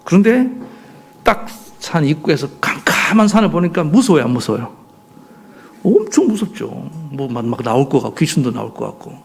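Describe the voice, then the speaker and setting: A male pastor delivers a sermon with a high, animated voice that rises and falls sharply. A gravelly fry runs through his speech as he hammers home points with rhetorical questions. His delivery stays emphatic and insistent. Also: normal speed.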